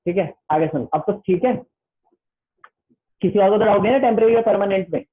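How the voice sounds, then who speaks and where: A man teaching an online class with a Hindi accent, chatty and repetitive, reading the textbook aloud slowly in English. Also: sits high. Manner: chatty, keeps saying "listen carefully", reads the textbook slowly in English. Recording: tinny phone-like online class audio.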